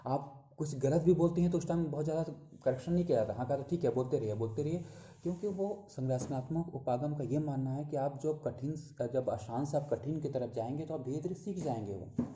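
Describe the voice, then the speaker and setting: A man teaching a recorded lecture on teaching methods, explaining slowly with many fillers and restarts and talking straight to his students. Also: fairly high pitch, warm tone, slight background noise. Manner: talks directly to students, repeating key phrases. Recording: dull lo-fi audio.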